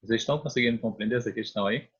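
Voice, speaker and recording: A husky-voiced Brazilian man teaching math in a relaxed, conversational way. He keeps checking that students follow and restarts phrases as he works through each step. The audio is dull and lo-fi, like an online class recording. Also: fairly low pitch, very fast. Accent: Brazilian Portuguese. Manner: explains step by step, often checks with "né?" and "tá?".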